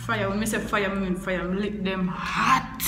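A woman's voice: mid-range voice, fairly even intonation, normal speed, pushed and bright. A young adult woman with a Caribbean accent, bantering casually and exclaiming in complaint during a challenge vlog. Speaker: vlog host and challenge contestant. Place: small room by a window. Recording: echoey room with clear background noise.

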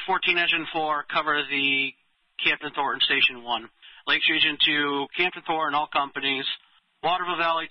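Heard through a lo-fi dispatch radio feed with no room sound, a man with a higher-pitched voice works as a fire dispatcher. His announcements are clipped and formal, following procedure and reading units back.

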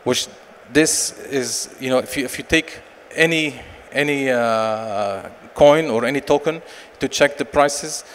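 A man in his forties, a company director, giving a conference sales pitch and answering questions with many fillers and restarts into a handheld mic. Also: a little slow, hardly any pauses, fairly bright tone. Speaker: company managing director presenting. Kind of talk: conference presentation and Q&A. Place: large expo stage hall. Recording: long hall reverb, faint noise.

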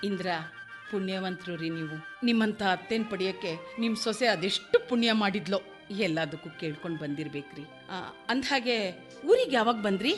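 A woman's voice: mid-range voice, lively intonation, moderate pace, close to an everyday voice. A woman voicing a middle-aged mother who welcomes a friend and consoles her grieving daughter in a radio drama. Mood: chatty. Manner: fussing, consoling, hospitable. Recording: radio drama with background music.

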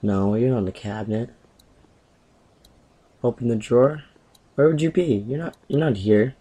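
A young man chatting excitedly over a game he is playing, rambling with filler words and sudden jumps in pitch. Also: normal speed, breathy edge. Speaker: gameplay commentator. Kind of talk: casual let's-play commentary.

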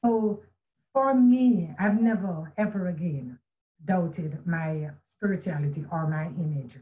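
An author and guest in a video call interview tells a story slowly in a low, mellow voice. The recording from her webcam, in a room at home with a chandelier, is low-quality. She sounds earnest and reflective, with many restarts and quoted speech.

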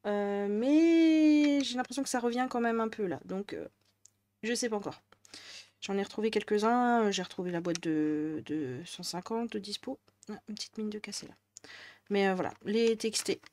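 Woman, northern French accent, casual rambling vlog chat, mid pitch. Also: normal speed, darkish tone, slight background noise. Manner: rambling, chatty, many fillers. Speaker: crafting vlogger.

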